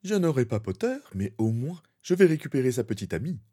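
A man's voice: lowish voice, very animated, moderate pace, warm tone, breathy edge. Guy doing an arrogant cruel young wizard, haughty, fanfic reading. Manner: haughty, possessive. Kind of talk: fan fiction reading.

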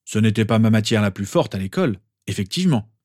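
A man's voice: on the low side, lively intonation, quick pace, darkish tone, no room sound, studio quality. A man voicing an amused, protective father in a storybook reading, with a fatherly tone.

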